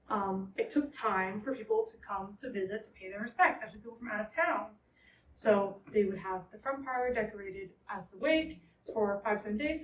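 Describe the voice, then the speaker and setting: A woman working as a tour guide, talking informally and a little haltingly to a small group as she explains things inside a house. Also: on the high side. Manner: conversational, halting, loosely explanatory. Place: indoors in a house parlor. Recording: roomy echo, distant mic, background noise.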